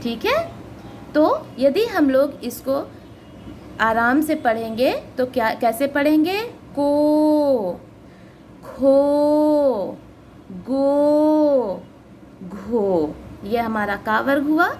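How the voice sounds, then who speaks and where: A woman's voice: high voice, lively intonation, a little hiss or hum. A woman teacher giving a phonics lesson to children, stretching out each syllable and explaining patiently step by step. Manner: slow, drawn-out syllables for children to repeat.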